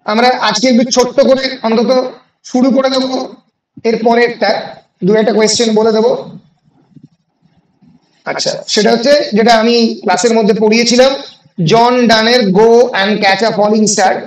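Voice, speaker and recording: A male college English teacher with a Bengali accent, lecturing an online class and dictating exam questions in slow English phrases between Bengali explanations. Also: extremely high pitch, steady tone, slight background noise, poor audio. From India.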